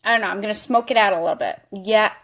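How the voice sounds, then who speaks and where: A woman's voice: mid-range voice, rapid-fire, fairly bright tone, slight background noise. A woman vlogger chatting animatedly, telling a story while doing her makeup.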